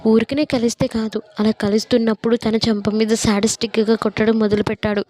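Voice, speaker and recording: A woman narrating an audio story with a steady, even reading. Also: on the high side, quick pace.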